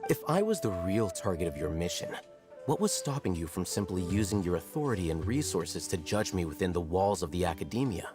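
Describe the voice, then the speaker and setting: An actor playing a calm, sardonic male scholar who asks needling questions in video game dialogue. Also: sits low. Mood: probing. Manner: dry, measured, needling questions. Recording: game music behind.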